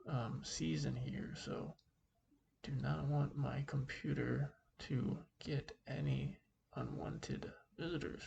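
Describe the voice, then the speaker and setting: A man speaking through a face mask, giving an informal calculus lesson in a halting way, thinking aloud as he goes. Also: mid-range voice, flat delivery, gravelly, dark tone, highs cut off, slight background noise. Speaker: math teacher.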